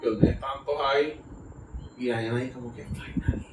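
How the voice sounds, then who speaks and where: A man with a Puerto Rican accent telling a story in casual chat, animated, laughing often, full of slang and curses. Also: medium pitch, quick pace. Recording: roomy distant mic with background noise.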